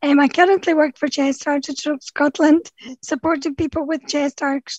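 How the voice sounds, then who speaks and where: An enthusiastic woman in her forties introduces herself as a councillor. Her voice is high, and the recording is dry and dull, like a lo-fi line. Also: steady tone, normal speed, no room sound. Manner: upbeat, enthusiastic. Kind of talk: panel interview answers. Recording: dull lo-fi sound.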